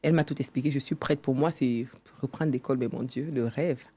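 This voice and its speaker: A woman's voice: rumbling low, a little fast, dark tone, husky. A woman guest telling her own story in an interview, earnest and acting out past conversations, recorded on a podcast studio set. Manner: earnest, acts out past dialogue. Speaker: guest author.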